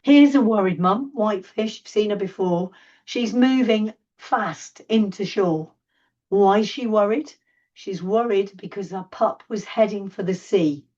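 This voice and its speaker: A woman's voice: mid-range voice, measured pace, darkish tone. A middle-aged woman with a slightly sore throat talks through wildlife clips in an easy, enthusiastic lecture style. She sits a little back from a dull, lo-fi microphone, so her voice sounds distant and muffled. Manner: chatty, enthusiastic commentary over wildlife clips. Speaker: seal researcher giving an online talk. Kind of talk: informal narrated video lecture.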